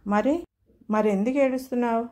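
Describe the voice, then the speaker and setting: A woman's voice: mid-range voice, normal speed, mellow, lightly acted. A woman voicing an older grandmother who soothes her crying grandson. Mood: soothing. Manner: soothing, coaxing.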